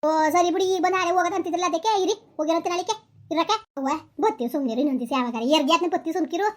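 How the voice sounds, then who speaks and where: A woman's voice: extremely high pitch, rapid-fire. A woman acting as gossiping village women in a comedy skit, exclaiming often and repeating herself. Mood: gossipy. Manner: chatty, exclaiming, repetitive village talk.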